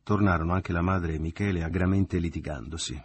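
Measured male novel narrator with a low, husky voice. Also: fairly even intonation. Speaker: audiobook reader. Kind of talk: literary narration.

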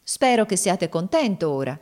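A woman's voice: lowish voice, very animated, moderate pace, darkish tone. A woman voicing a cold, mocking woman who taunts her master in a dramatic audiobook reading. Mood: cool scorn. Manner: scornful, sneering.

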